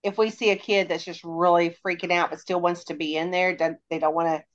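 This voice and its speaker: A woman who runs a haunted attraction chats casually on a podcast, talkative and full of fillers. Her voice is fairly low with a steady tone, her pace is a little fast, and the recording has its highs cut off.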